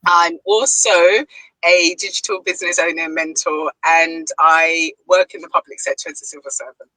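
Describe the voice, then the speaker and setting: A cheerful woman with a British accent introduces herself as a panel guest. Her voice is bright and friendly, and the sound is dry and close. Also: sits low, fairly even intonation, moderate pace, no room sound, poor audio. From Ghana.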